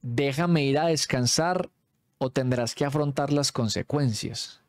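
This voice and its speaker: A man voicing a ghostly computer program that warns, slowly and threateningly, to be left alone. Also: medium pitch, dry recording, clean studio sound, lightly acted. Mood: ominous.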